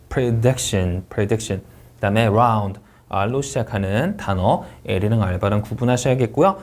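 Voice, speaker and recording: A man lectures on a speaking exam, his pitch swinging widely as he demonstrates intonation. He reads English examples slowly and deliberately, rising and falling on each phrase. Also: darkish tone. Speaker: TOEIC Speaking instructor.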